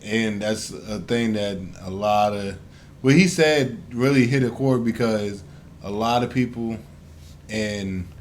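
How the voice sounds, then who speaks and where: A man's voice: lowish voice, slow, a little hiss or hum. A man co-hosting a podcast who talks sports bluntly in heavy slang and jumps in with short remarks. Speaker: podcast co-host. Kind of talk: casual sports chat.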